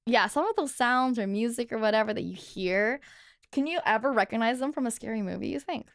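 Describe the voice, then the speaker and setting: Woman, podcast host, casual rambling storyteller, high voice. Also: brisk, dry recording, clean studio sound. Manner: chatty storyteller, lots of fillers and laughter. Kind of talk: casual chat.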